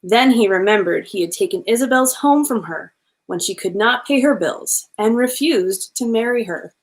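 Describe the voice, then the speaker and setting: A woman with a fairly high voice reads a children's storybook aloud at normal speed, expressive and animated like a playful bedtime storyteller. She tosses in playful asides to her listeners, though the audio is poor.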